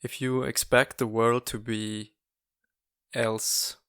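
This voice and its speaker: On his solo podcast, a young Swiss host works through a casual monologue in English, which isn't his native tongue, pausing repeatedly for fillers and starting sentences over. He speaks at a medium pitch in a level, smooth, slightly bright tone, recorded dry with studio quality.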